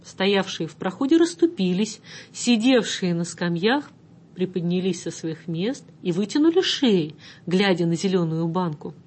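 A woman narrating a story aloud in an even, measured way. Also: on the low side, slightly rough. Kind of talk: audiobook story reading.

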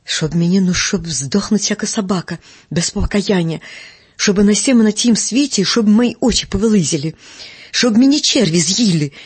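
A reader voicing a sly old man with a Ukrainian accent who wails and swears oaths in a shrill raised voice. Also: animated, moderate pace, breathy edge, no room sound. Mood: wailing. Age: older. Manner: wailing, swearing oaths, rising to high shrill pitch. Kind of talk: audiobook character reading.

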